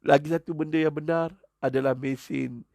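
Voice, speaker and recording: A man's voice: fairly high pitch, normal speed, vocal fry, no echo, studio quality. A male preacher gives a humorous religious talk, joking and chuckling between his points. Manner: joking, chuckles often, animated asides.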